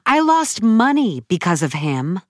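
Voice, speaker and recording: A woman narrating a first-person audiobook story in a measured, dramatic way. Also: mid-range voice, big pitch swings, no room sound, studio quality.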